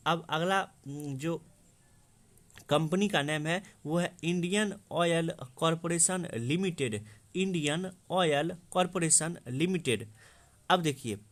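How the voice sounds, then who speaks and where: Repetitive teacher. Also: male voice, fairly high pitch, a bit bright. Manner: repetitive, drills answers by asking and answering himself. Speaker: exam prep teacher. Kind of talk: explaining memory tricks to students.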